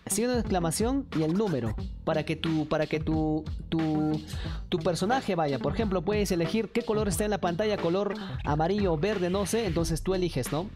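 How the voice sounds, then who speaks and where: A woman's voice: fairly low pitch, normal speed, music in the background. A woman, streaming and chattily coaxing her viewers to join a chat game. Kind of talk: casual livestream chat hosting a chat game.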